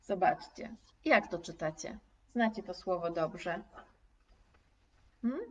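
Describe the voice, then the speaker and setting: A woman teacher giving a live online lesson, drawing out every word at a very slow, deliberate pace. She articulates each sound with care and repeats words for her students. Her voice sits a little back from the mic. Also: lowish voice, darkish tone, far from the mic, dull audio. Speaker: language teacher. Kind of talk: live online lesson, reading chat comments aloud.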